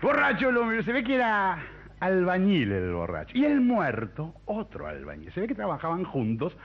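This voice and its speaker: A man, a comedian telling a chain of jokes in a chatty, animated way on a 1970s TV broadcast. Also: sits high, normal speed, gravelly, muffled recording, a little hiss or hum. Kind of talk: stand-up joke telling. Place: TV studio.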